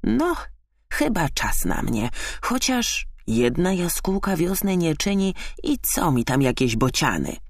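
A man's voice: a little high, sing-song, a little slow, gravelly, dry recording, studio quality, voice pushed up, full character voice. A man putting on grumbling old Winter as a sulky woman. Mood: grudging. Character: grumpy defeated Winter, a proud woman.

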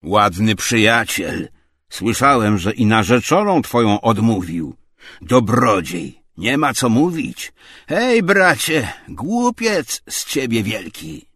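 A man voicing a coarse, spiteful man who shouts and mocks in a hoarse voice. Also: on the low side, big pitch swings, slow pace, voice pushed up, heavily acted. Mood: mocking. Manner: shouting, mocking, abusive.

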